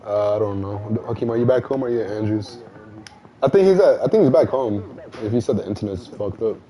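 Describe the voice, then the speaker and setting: A man's voice: fairly low pitch, lively intonation, quick pace, warm tone. A young man streaming a game with friends, trading crude, laughing banter in casual chat.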